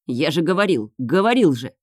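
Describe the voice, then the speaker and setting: A woman reading aloud voices an obsessive, menacing young man who snarls, swears and bursts into shouting. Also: low-pitched, big pitch swings, normal speed, slightly rough, no echo, studio quality, full character voice. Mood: snarling.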